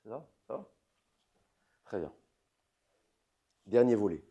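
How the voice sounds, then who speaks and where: A rabbi in his forties holds a lecture with a dark, mellow voice. He rises into loud, emphatic bursts, then drops to soft, close asides, and keeps turning to his listeners with direct questions. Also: fairly low pitch, lively intonation, slow pace, husky. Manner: swings between loud emphatic outbursts and soft intimate asides; addresses the audience directly with questions. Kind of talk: lively religious lecture to an audience.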